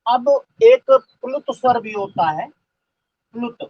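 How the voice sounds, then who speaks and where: Guy teaching a live online class, lively up-and-down voice, dry close sound, repeats stuff slowly so ppl can write. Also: very high voice, no room sound. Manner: dictating slowly, repeating phrases. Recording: dull lo-fi audio.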